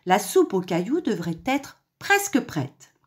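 A woman voicing a sly, clever mother hen in a children's storybook reading, brisk and bossy while she schemes. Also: mid-range voice, big pitch swings.

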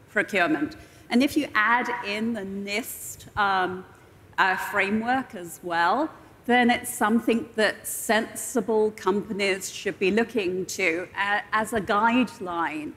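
A woman giving measured, explanatory advice as a guest expert in an on-stage interview. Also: medium pitch, a bit bright. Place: large indoor conference stage. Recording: echoey hall with long reverb.

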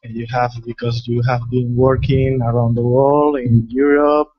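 A man in the audience asking a question at a lecture, in halting English full of fillers. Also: medium pitch, level tone, dry recording, muffled recording. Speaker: audience member.

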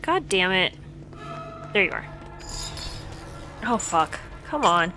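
A woman's voice: lowish voice, very animated, takes it slowly, music in the background. A woman streaming a video game, talking to herself through the match in blunt, profane commentary. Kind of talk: live gameplay commentary.

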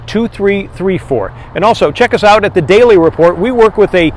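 A man's voice: sits high, animated, a little fast, a little mellow, rough recording. A man in his fifties hosting and narrating a scripted local TV report. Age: 50s. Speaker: reporter and host. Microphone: lapel mic.

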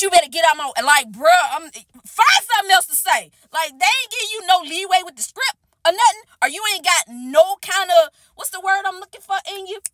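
Woman vlogger, high voice, dry close sound; unscripted, exasperated review rant full of slang. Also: dry recording. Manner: animated, exasperated, heavy slang, talks straight to viewers.

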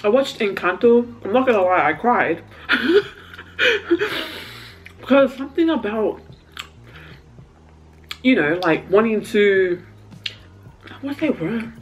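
A woman's voice: mid-range voice, animated, slow pace, pauses often, low-quality recording. A woman vlogger chatting casually to camera while eating, talking loosely with many "like"s and frequent laughs. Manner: chatty, laughs often, lots of "like". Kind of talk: casual mukbang chat to camera.

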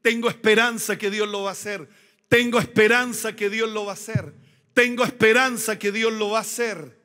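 A man preaching a sermon as pastor, emphatic and repeating key phrases, slowing down to stress words. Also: high voice, steady tone, bright, forceful tone.

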